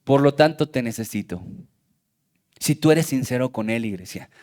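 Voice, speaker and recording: A man's voice: medium pitch, animated, moderate pace, darkish tone. A male pastor preaching a fervent sermon in a church, speaking directly to his congregation with a Mexican Spanish accent. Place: church sanctuary.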